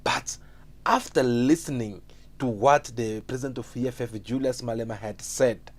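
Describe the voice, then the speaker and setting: A man's voice: mid-range voice, normal speed. A man narrating a video, putting questions directly to his viewers. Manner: questioning the audience.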